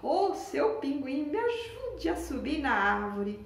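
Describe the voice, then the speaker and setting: A gentle, slow-moving storybook sloth, voiced by a woman, pitched very high with a Brazilian accent. She stretches out every word. The sound carries the echo of a room, with the mic far away. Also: big pitch swings, exaggerated voice. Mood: pleading. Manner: high, drawn-out pleading. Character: slow, sweet female sloth stuck on a tree.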